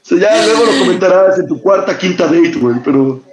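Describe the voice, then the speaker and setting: A young man with a Mexican accent chats casually, full of slang and quick laughs. His voice sits high for a man. The room around him echoes noticeably. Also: animated, a loud crowd. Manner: slangy, storytelling, laughs often. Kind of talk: casual chat.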